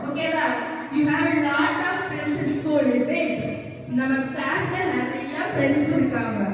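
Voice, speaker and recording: A woman's voice: extremely high pitch, fairly bright tone. A woman teacher with a Tamil accent, talking to young children in a classroom and asking them simple repeated questions. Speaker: school teacher. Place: school classroom. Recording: echoey room, far from mic, faint noise.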